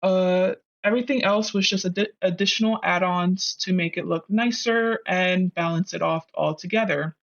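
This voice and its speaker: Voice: mid-range voice, lo-fi sound. A narrator of ambiguous sex whose voice runs through a voice changer, giving a chatty, earnest scripted video narration as an artist hosting their own channel. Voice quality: voice run through a voice changer, artificial-sounding. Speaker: host, digital artist. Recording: music behind the voice. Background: background music.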